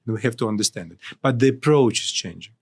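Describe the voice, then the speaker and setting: A man from Ukraine, speaking as a guest analyst in an interview, with halting phrasing and frequent restarts. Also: medium pitch, expressive, darkish tone, slightly rough. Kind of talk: interview discussion.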